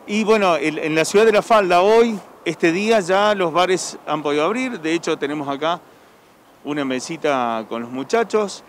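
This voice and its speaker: A man's voice: fairly high pitch, normal speed, a little hiss or hum. A young man with an Argentine accent reporting on location for local TV news, chatting with customers through a handheld mic. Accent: Argentine Spanish. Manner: conversational, chatty reporter asking short questions. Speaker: field reporter. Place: outdoors on a town sidewalk and inside a café. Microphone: handheld reporter microphone.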